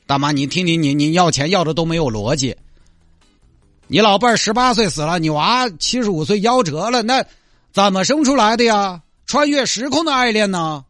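A man's voice: high-pitched, animated, moderate pace, a bit bright, no echo, studio quality, faint music behind. A man doing an earnest young enforcement officer. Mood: exasperated. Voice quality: patient, reasoning tone.

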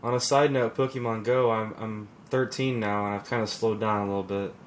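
A man co-hosting a podcast in casual chat, relaxed and rambling with fillers and restarts. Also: on the low side, a little fast, slight background noise. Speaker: podcast co-host.

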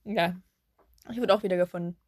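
A young woman co-hosting a casual chat, animated, acting out her younger self and laughing often as she tells a story. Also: lowish voice, a little fast, no room sound. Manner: animated, acts out her younger self with sudden loud cries; laughs often while telling. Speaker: podcast co-host.

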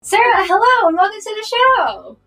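Woman host on a low-quality stream. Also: big pitch swings, moderate pace, bright, forceful tone. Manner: chatty, many fillers and hedges. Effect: low-quality live-stream audio. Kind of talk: casual live-stream interview. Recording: distant low-quality stream mic, faint music.

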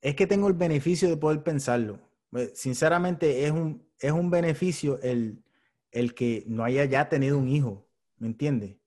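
A man's voice: a little high, normal speed, darkish tone. Frank, profane man chatting casually. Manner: frank and profane, thinks aloud. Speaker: podcast host. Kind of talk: casual chat.

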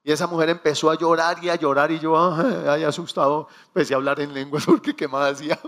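A male preacher delivers a sermon in a somewhat high voice. He tells stories with little acted asides and quoted prayers. He drags out the key phrases for emphasis. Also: fairly even intonation, quick pace, a bit bright.

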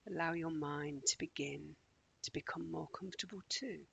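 A man leading a guided morning meditation in a slow, gentle, calming way, often dropping close to a whisper. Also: a little high, vocal fry, breathy edge.

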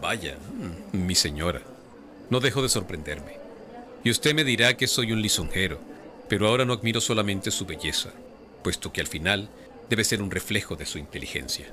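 A man playing a courtly, jovial statesman and military leader in an audio drama, flattering and formal in address. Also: fairly low pitch, moderate pace. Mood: charmed.

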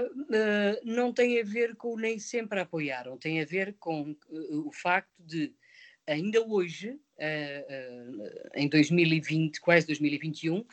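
A woman's voice: on the low side, a little slow. A woman in her fifties, from Mozambique, an actress answering interview questions in a reflective way, with many hesitations. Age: 50s. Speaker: actress guest.

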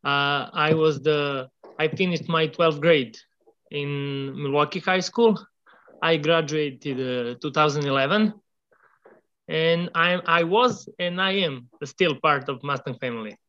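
Young man, rather high voice, hesitant, dull lo-fi line. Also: bright, forceful tone, slight background noise. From Serbia. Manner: halting, hesitant, searching for words. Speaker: guest, former exchange student. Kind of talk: remote interview conversation.

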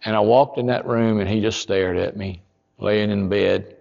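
A man, a pastor telling a story in a sermon, folksy and rising to loud emphatic peaks. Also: lowish voice, steady tone, normal speed, gravelly, big-room sound, highs cut off.

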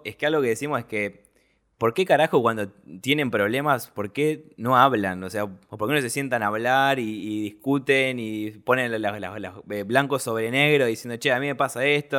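A man's voice: mid-range voice, normal speed, a bit bright. A man with an Argentine accent chatting casually about a film, hesitant and colloquial, with many fillers. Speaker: podcast film critic.

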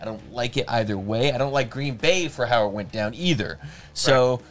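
A man's voice: mid-range voice, normal speed. A man hosting a casual podcast chat, rambling and profane, with lots of fillers and restarts. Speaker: podcast host.

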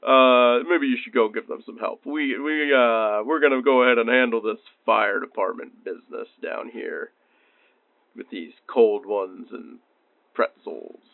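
A man playing a lazy male assistant fire chief who talks haltingly with radio sign-offs, heard over a police-style two-way radio. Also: mid-range voice, dry recording. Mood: casual. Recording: tinny radio line, dry.

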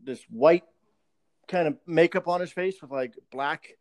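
A man's voice: a little high, measured pace, dry recording. A man co-hosting a podcast, chatting casually and joking with plenty of swearing. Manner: joking, swearing, slips into a mock British accent. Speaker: podcast co-host. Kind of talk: casual chat.

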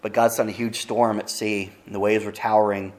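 Low-voiced man preaching a sermon. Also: flat delivery, brisk, darkish tone. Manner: conversational storytelling, easy asides. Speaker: pastor.

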